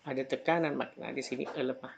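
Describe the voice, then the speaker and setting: A man's voice: mid-range voice, fairly even intonation, brisk, gravelly, slight background noise. A middle-aged man teaching English from slides, calling out English example words with extra stress. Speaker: English lecturer. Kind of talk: slide lecture.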